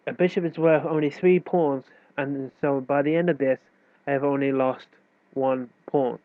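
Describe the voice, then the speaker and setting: In a casual chess lesson, a teacher with a medium-pitched voice, fairly even intonation and moderate pace explains moves while correcting himself loosely. A cold makes him sound stuffy and nasal, and the recording is dry and tinny, like a phone.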